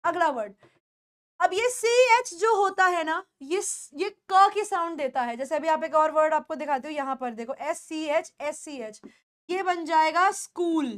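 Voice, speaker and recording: A woman with an Indian accent teaching spoken English pronunciation, repeating words slowly and quizzing her students. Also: high voice, expressive. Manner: drills words by repeating them slowly, asks the class questions.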